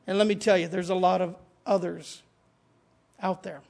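Delivering his sermon flatly at a moderate pace, this pastor has a voice that sits high, with vocal fry and a slightly mellow tone. He asks the congregation questions and answers them himself through a church stand microphone he sometimes moves away from. The sanctuary sounds roomy.

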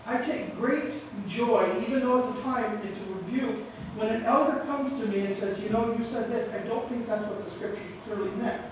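A pastor preaches in a church sanctuary, raising questions for his congregation and then answering them. His voice sits high and his pace is normal, and he speaks into a stand microphone, at times moving off it. The room sounds spacious, and the background is noisy.

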